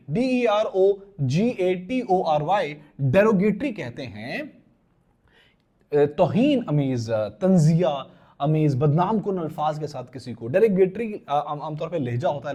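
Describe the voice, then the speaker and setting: A man from Pakistan giving a vocabulary lecture, explaining English words in Urdu, spelling them out letter by letter and reading example sentences slowly. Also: on the high side, mellow.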